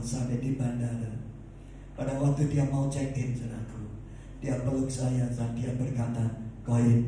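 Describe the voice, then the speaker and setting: Impassioned preacher in an echoey hall. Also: male voice, mid-range voice, slight background noise. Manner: impassioned, rises to shouts, repeats "saudaraku". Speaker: pastor. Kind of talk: sermon. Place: church hall. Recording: echoey hall, heard from a distance.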